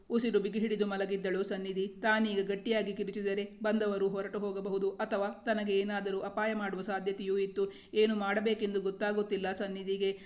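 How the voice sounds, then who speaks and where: A woman narrating a romantic story in a steady, unhurried reading manner. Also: medium pitch.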